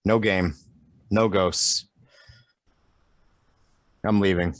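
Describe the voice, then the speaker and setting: A man reading a tired young man who is leaving home, in an online play reading, his words slow and strained. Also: low voice, fairly even intonation, slight background noise. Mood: weary. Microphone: video call.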